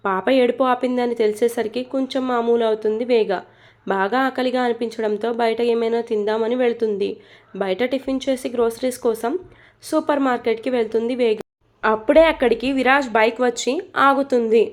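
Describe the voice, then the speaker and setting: Woman, storyteller, storybook narration, expressive, higher voice. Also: fairly quick.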